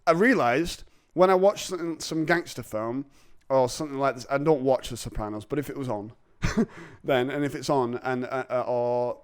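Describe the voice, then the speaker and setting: A man's voice: medium pitch, moderate pace, clear, resonant tone, no room sound, studio quality. A man hosting a podcast, chatting in a rambling, jokey, confessional way. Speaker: podcast host. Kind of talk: casual chat.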